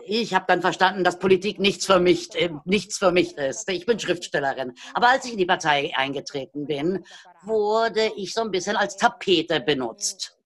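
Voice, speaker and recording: A woman working as a simultaneous interpreter, relaying a panelist's words in halting bursts with many fillers and restarts. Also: sits low, fairly bright tone. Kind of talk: live interpretation into German.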